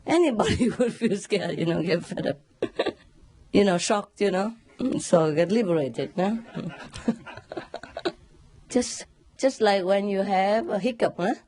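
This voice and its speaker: A woman's voice: medium pitch, a little slow, long pauses, no room sound. Laughing woman telling a story. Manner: laughs often, animated storytelling with sound imitations. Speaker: spiritual teacher. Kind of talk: casual spoken talk.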